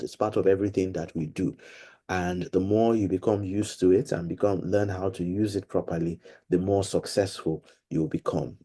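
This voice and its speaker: Low dark-voiced man teaching kids. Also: husky. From Nigeria. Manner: patient, explaining slowly to children. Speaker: financial literacy seminar leader. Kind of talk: online seminar for children. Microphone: video call.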